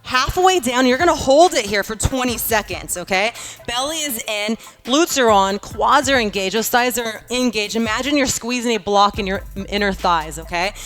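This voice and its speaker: A woman with a fairly high voice leads a home workout in the manner of an aerobics instructor. She gives casual, encouraging cues and counts, pushing people along. Music plays clearly behind her. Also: lively intonation, normal speed, fairly bright tone. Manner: encouraging, urging, casual coaching with frequent check-ins. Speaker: fitness instructor leading a home workout class.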